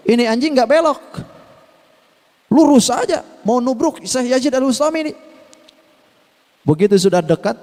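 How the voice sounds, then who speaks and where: A man with an Indonesian accent gives a dawn sermon in a mosque, telling a story that swings lively between hushed asides and raised exclamations. The recording carries a long hall reverb.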